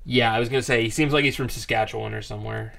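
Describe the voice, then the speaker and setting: Gravelly opinionated podcast co-host man. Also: medium pitch, very fast. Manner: animated, opinionated, laughs often. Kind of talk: casual sports chat.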